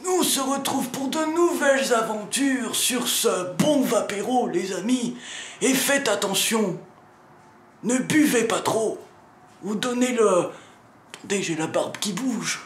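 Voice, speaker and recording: Sitting high with lively intonation, a man's voice takes its time as he plays a bad-tempered, foul-mouthed old riddle-keeper from a lighthouse. He's a channel host announcing meetups in a comic sketch, grumbling at and scolding the viewer through a sore throat. The audio is reverberant with a little hiss or hum.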